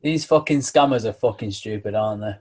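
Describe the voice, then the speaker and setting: A man from England co-hosting a football podcast, talking bluntly with lots of swearing and quick restarts. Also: lowish voice, noisy background. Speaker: podcast co-host. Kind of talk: casual chat.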